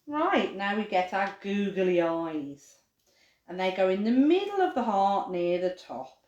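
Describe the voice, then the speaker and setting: A woman's voice: medium pitch, darkish tone, roomy sound, muffled recording. A woman in her forties, a playgroup leader, showing a children's craft and reading a storybook aloud in a playful, giggly way.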